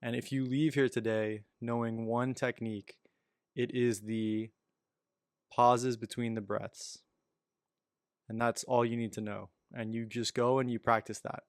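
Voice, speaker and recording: A wise old monk with a calm, amused way about him, as a storyteller puts him on, speaking in short, unhurried sentences with little rise and fall. The voice sits at an ordinary middle pitch and sounds dry and close. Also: male voice, no room sound, lightly acted.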